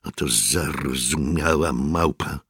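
Mężczyzna czyta, grając zgorzkniałego, pogardliwego sierżanta, który burczy pod nosem i wykrzykuje rozkazy. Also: male voice, rumbling low, takes it slowly, a bit bright, slightly rough, no echo, clean studio sound, heavily acted. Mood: sneering. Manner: grumbling, scornful. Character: bitter resentful male sergeant, sneering.

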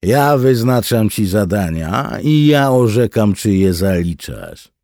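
Grim old-school sword master, curt and bossy, gravelly low voice, man reading him. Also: very animated, slow, darkish tone, dry recording, studio quality, heavily acted. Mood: stern. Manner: curt, commanding. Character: grim stern male fencing master.

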